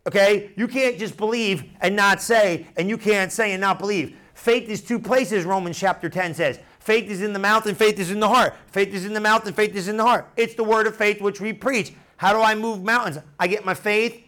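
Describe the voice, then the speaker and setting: A middle-aged pastor preaching a sermon, animated, repeating phrases and drawing replies from the congregation. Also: male voice, high voice, moderate pace, few pauses.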